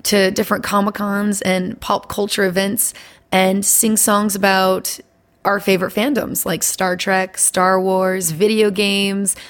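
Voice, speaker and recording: A woman chatting as a podcast guest, bubbly and quick to laugh. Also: medium pitch, level tone. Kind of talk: casual podcast chat.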